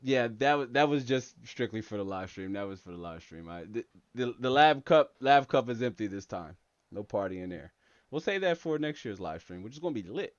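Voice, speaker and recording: A man's voice: medium pitch, animated, a little fast, no echo, dull audio. An American man, a tech channel host, chatting casually through a livestream Q&A. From United States.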